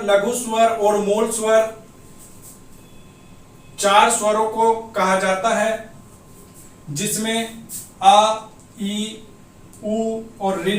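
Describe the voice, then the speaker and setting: A man gives a grammar lesson for exam preparation, explaining each point step by step and dictating notes. His voice sits high and he speaks at an unhurried pace. He is a little away from the mic, in a room that echoes. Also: recorded from a distance. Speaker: teacher.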